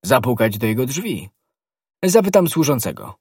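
A man voicing a scheming cloaked stranger in a storybook, curt and probing, with a husky voice. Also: mid-range voice, big pitch swings, moderate pace, darkish tone, dry recording, studio quality, far from the mic, voice pushed up.

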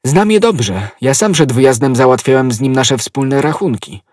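A man reading an audiobook, voicing a grave, cautious musketeer who speaks in a measured, reproachful way. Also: mid-range voice, expressive, a little mellow, dry recording, studio quality, pitched above the performer's own voice, close to an everyday voice.

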